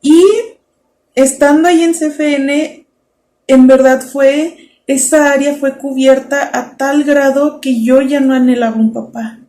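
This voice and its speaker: A Mexican woman in her thirties shares a faith testimony in an earnest storytelling manner, acting out her own past words. Her voice sits high. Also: steady tone, measured pace, warm tone. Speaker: speaker sharing a testimony.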